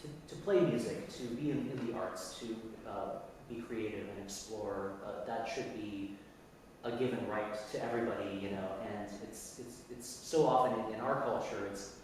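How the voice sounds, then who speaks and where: A man's voice: on the low side, normal speed. A man from San Francisco, a musician being interviewed, talking reflectively and restarting his thoughts as he searches for words. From San Francisco, USA. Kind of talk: casual conversational interview. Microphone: video call. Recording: echoey room, far from mic, faint hiss.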